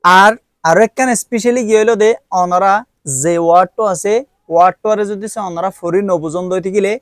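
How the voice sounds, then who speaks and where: A man's voice: sits high, steady tone, fairly quick, dry recording, clean studio sound. A young man with a Rohingya accent, casually reviewing and promoting books, explaining step by step with frequent hesitations. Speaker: book reviewer. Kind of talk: casual spoken product review.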